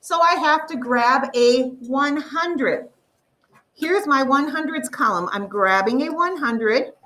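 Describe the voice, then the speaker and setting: A woman teaching a math lesson to a classroom, explaining step by step and slowly drawing out the numbers. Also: high voice, pushed and bright, distant mic, poor audio.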